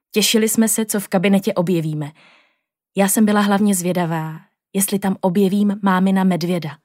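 A woman reading a children's storybook aloud in the first person of a little girl, in a lively storytelling tone. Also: mid-range voice, dry recording, studio quality. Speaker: audiobook reader.

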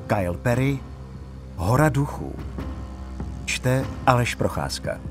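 A man narrating an audiobook in a measured, expressive reading, recorded close to the mic. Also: mid-range voice, over music. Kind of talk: scripted narration.

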